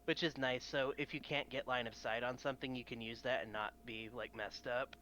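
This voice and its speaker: Bright-voiced man running a tabletop game. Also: medium pitch, steady tone, a little fast, a little hiss or hum. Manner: patient, explains rules and keeps the game moving. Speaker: game master. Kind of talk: casual tabletop game talk.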